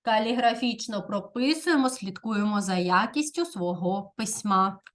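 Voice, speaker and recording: Slow, clear-speaking woman teacher. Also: medium pitch, expressive. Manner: slow, deliberate dictation with clear enunciation. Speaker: primary school teacher. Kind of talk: Ukrainian grammar lesson for fourth graders.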